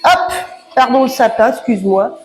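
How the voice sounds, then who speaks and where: A fitness coach with a fairly high voice leads a home workout at a moderate pace. She is chatty and encouraging, laughs often, and sounds slightly out of breath. The room is echoey, with music playing in the background.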